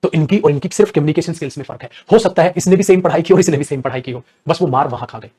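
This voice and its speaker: A man with an Indian accent teaching spoken English in a lively classroom lecture that switches between Hindi and English and acts out examples. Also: fairly high pitch, rapid-fire, breathy edge. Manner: animated, acts out examples, addresses students as dear and beta.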